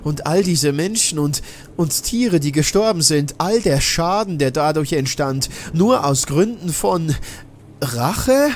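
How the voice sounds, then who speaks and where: Brief: man playing a scheming old male madman for a horror audiobook, slow, sneering, menacing delivery, drawn-out words. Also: on the high side, expressive, slight background noise, voice pushed up. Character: eerie old man, a scheming vengeful mad scientist.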